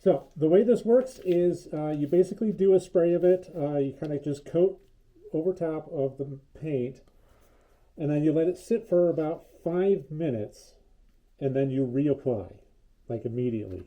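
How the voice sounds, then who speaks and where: A man talking through a respirator mask, so his voice sounds muffled, as if from behind a wall. He gives a relaxed, rambling how-to walkthrough with lots of fillers. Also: fairly high pitch, normal speed. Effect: muffled as if through a wall, speaking through a respirator mask. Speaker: DIY hobbyist demonstrating a paint finish. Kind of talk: casual how-to narration.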